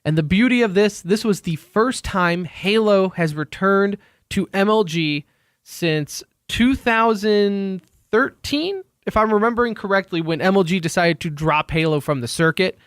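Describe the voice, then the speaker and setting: A man's voice: sits high, animated, measured pace, fairly bright tone, no echo, clean studio sound. A man hosting a radio show about esports, chatty and joking as he moves between segments. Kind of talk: casual esports radio talk.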